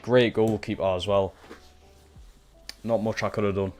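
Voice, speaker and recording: With a lowish, steady, darkish voice at a measured pace, a young Geordie from Newcastle commentates live on his football career mode stream. He swears and reacts with frustration to every pass, soft music playing underneath.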